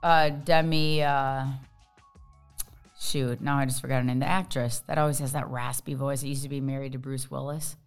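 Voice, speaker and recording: A woman's voice: rumbling low, fairly even intonation, moderate pace, smooth, soft background music. A woman talking casually as a co-host and pundit on a sports podcast.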